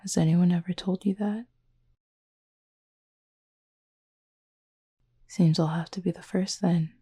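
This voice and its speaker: The speaker is a woman portraying a horned cupid roommate, her low voice soft, breathy, husky and mellow. In this intimate roleplay audio she stays calm and measured, choosing polite, formal words and carrying a tender, teasing warmth.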